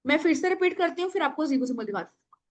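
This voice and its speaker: A woman teaching a live online workshop over a video call, naming participants and dictating affirmations slowly for them to write down. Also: high-pitched, lively intonation.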